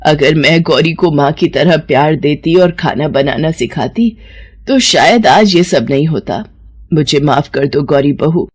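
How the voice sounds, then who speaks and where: A woman voicing an older mother-in-law in a cartoon, who was stern and has turned tender, with a slow, measured way of scolding. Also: low voice, expressive, darkish tone. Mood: regretful. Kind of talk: cartoon voice acting.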